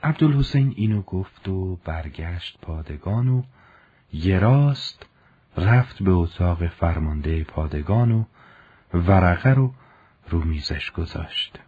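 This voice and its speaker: A man narrating a story in a calm, measured way. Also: deep voice, husky, phone-quality sound.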